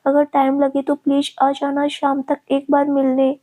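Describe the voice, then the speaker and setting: A woman voicing a doting young man who speaks tenderly and jokes gently with his fiancée, in a storybook reading. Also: high voice, completely flat delivery, moderate pace, close to an everyday voice.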